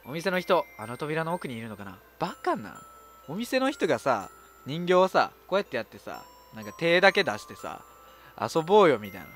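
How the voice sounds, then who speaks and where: Lively blunt woman with Kansai accent. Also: low-pitched, a little fast, slight background noise. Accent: Kansai Japanese. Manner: blunt, mouthy asides and retorts. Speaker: game streamer. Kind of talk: casual horror game commentary. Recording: music behind the voice.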